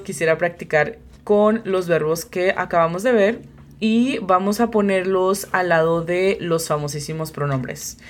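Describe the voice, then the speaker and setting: A woman hosting a beginner English lesson, patiently explaining vocabulary, spelling words out and encouraging her student. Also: fairly low pitch. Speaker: language teacher and host. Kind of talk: bilingual English lesson podcast.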